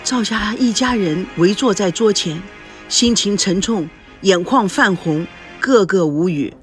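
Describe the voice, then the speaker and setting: A woman reading a dramatic family story aloud, voicing every character herself and shouting in the angry scenes. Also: medium pitch, measured pace, soft background music.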